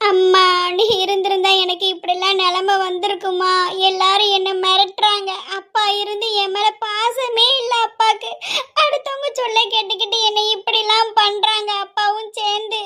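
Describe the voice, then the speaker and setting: A woman voicing a helpless young woman who laments slowly and tearfully. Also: very high voice, steady tone, fairly bright tone. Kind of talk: hobby audio drama.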